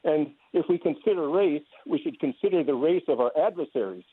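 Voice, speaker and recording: A man calling in to a talk radio show, speaking in a measured, hesitant way with fillers over the phone. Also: on the high side, animated, breathy edge. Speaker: caller. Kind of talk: call-in talk. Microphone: telephone. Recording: tinny phone line.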